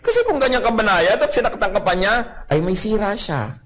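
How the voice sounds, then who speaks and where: A man preaching a sermon as pastor, animated and humorous, acting out everyday quarrels. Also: sits high, fairly quick.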